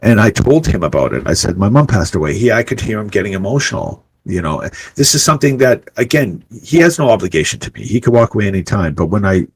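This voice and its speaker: A man's voice: fairly low pitch, big pitch swings, quick pace, few pauses, breathy edge, low-quality recording. A man who grew up in Canada, a game developer talking over a video call in a casual interview, earnest and rambling, restarting his sentences. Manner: rambling, earnest, warm-hearted talk with frequent restarts.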